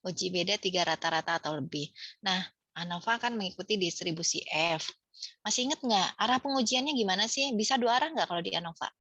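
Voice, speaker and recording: A woman with an Indonesian accent teaching a statistics class, explaining step by step, quizzing students and filling pauses with "eh". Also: fairly low pitch, fairly bright tone, no echo. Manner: explanatory, asks students questions, many fillers. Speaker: statistics lecturer. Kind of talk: online class lecture.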